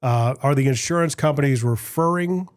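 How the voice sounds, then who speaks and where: A man hosts a business podcast, chatting casually in an interview setting and rambling with frequent restarts. His mid-range voice moves at a moderate pace, and the recording is clean studio sound with no room tone.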